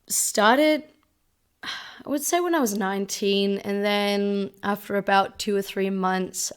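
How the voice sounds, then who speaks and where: A young woman in her twenties, from Denmark, hosts her own podcast. She speaks slowly and unhurriedly, with a smooth, clear voice and a gentle, reflective manner. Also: medium pitch. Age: 20s. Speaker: podcast host. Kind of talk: casual solo podcast talk.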